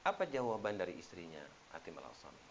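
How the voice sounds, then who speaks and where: A man preaching a sermon as an ustadz, telling stories and acting out the quoted lines with sudden loud bursts. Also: low voice, sing-song, fast, heavy background noise.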